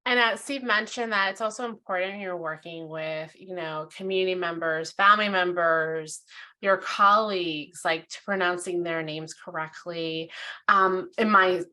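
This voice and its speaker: A woman presenter in an online session, speaking candidly and upbeat with quick asides. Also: on the low side, pushed and bright. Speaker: presenter, parent.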